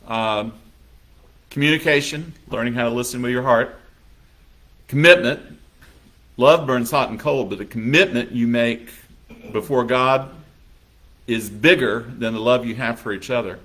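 A man's voice: mid-range voice, unhurried, pauses often, fairly bright tone. A man preaching a sermon as pastor in a conversational manner, now and then acting out little scenes in quoted voices. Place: church sanctuary.

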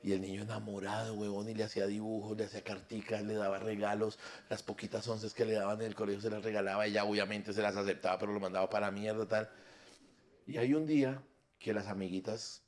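Colombian stand-up comic telling stories on stage, crude and lively, lowish voice. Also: male voice, quick pace. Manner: crude, swearing, lively storyteller. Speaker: stand-up comedian. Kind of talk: improvised stand-up storytelling. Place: comedy stage at a live show.

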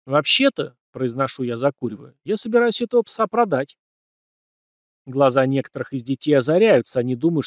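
A man's voice: mid-range voice, a little mellow, dry recording, studio quality. A man narrating a first-person crime story as an audiobook, acting out bits of dialogue.

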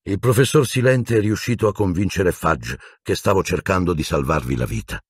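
A man voicing a gentle, weary middle-aged teacher who speaks softly and sighs with resignation. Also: sits low, normal speed, breathy edge, no echo, clean studio sound. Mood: resigned, weary. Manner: soft, sighing, resigned.

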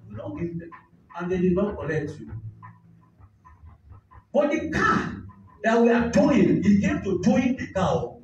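A man with a Nigerian accent giving an animated testimony at a church service, mixing in pidgin and handheld mic. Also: high voice, a little slow, long pauses, slight background noise. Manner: animated, mixes pidgin, shouts call-and-response. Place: large church hall. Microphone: handheld microphone. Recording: echoey hall, far mic, dull sound with music.

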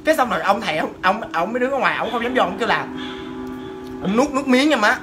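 Animated woman telling ghost stories. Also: on the high side, fast talker, noisy background. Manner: chatty, animated, addresses listeners. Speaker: storyteller. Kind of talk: casual ghost-story telling.

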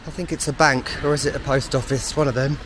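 A man's voice: mid-range voice, steady tone, fast, a bit bright. A man vlogging as he walks through a city, giving casual commentary with wry, self-deprecating asides. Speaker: travel vlogger. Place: outdoors on city streets. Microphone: camera mic while walking. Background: faint street and traffic noise.

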